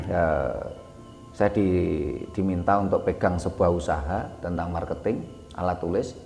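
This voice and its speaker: A man talks through his memories slowly and haltingly, stopping on fillers and correcting himself. His voice sits a little low. The sound is roomy and reverberant, with faint music underneath. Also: animated, creaky, darkish tone. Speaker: guest telling his life story. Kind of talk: casual spoken memoir. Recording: echoey room with long reverb, faint music.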